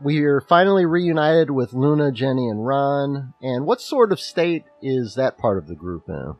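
A man's voice: medium pitch, very animated, measured pace, darkish tone, faint music behind. A man with a slight lisp, co-hosting a casual podcast chat about a book chapter and rambling with restarts. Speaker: podcast co-host.

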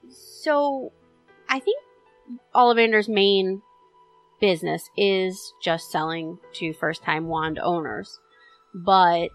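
A woman's voice: fairly low pitch, gravelly, low-quality recording. A woman co-hosting a podcast in casual chat, explaining her ideas at length with fillers. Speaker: podcast co-host.

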